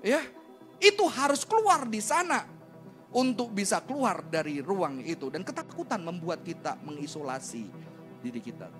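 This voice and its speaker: Animated high-voiced male preacher. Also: normal speed, soft background music. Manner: animated and conversational, rhetorical questions, slangy asides. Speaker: pastor. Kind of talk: sermon.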